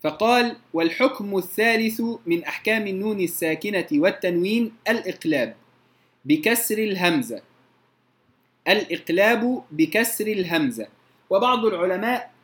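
A man teaches a tajweed lesson, explaining patiently and demonstrating sounds again and again. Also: sits high. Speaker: Quran recitation teacher.

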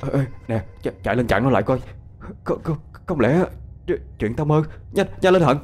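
A man's voice: medium pitch, expressive, normal speed, darkish tone, soft background music, pitched above the performer's own voice, lightly acted. A man voicing a frightened young man who stammers in a shaky voice, in a told ghost story. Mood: scared, urgent.

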